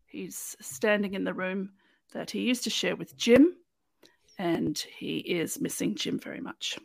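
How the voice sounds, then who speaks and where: A woman hosts a casual recap podcast, retelling scenes in a playful, chatty way. Her voice sits at an ordinary middle pitch. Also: measured pace, gravelly, no echo. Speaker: podcast host recapping episodes. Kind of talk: casual chat, episode recap.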